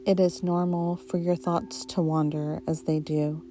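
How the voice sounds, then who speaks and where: A woman guiding a relaxation meditation in a soft, soothing, hypnotist-like voice, leaving long pauses between short phrases. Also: on the low side, level tone, a little hiss or hum. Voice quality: soft, mellow. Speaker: guided meditation narrator.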